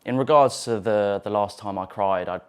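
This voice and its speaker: A man's voice: on the low side, moderate pace, clear, resonant tone. A man in his twenties speaking hesitantly and reflectively in a personal interview. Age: 20s. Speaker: student society welfare rep.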